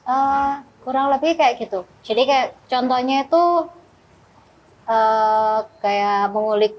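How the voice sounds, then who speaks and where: A woman's voice: on the high side, fairly even intonation, takes it slowly, a little hiss or hum, rough recording. A young woman in her twenties, a student guest, explaining things in a friendly, casual way. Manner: friendly, answers in long explanations. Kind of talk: casual interview chat.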